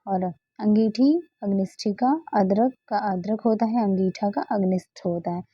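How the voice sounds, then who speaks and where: A husky, mid-range female voice at normal speed belongs to a tutor taking exam questions one by one, patiently repeating key answers. She uses frequent short fillers like "ठीक है" and "okay, next है" to move on. The recording is muffled, with no echo.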